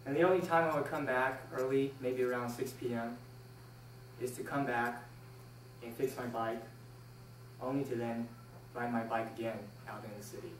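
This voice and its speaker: A young speech club member, born in Taiwan and moved to the United States at six, gives a prepared personal speech to an audience. He tells his story deliberately in a medium-pitched, fairly even voice, pausing between phrases. The indoor recording is roomy and distant, with faint noise behind him.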